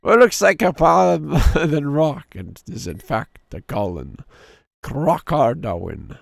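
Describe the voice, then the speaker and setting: His hoarse, sore throat lends a gravelly edge as he narrates a game's story during a stream, settling into a deeper storyteller tone. The man, in his thirties, speaks slowly with lively pitch swings, recorded close and dry.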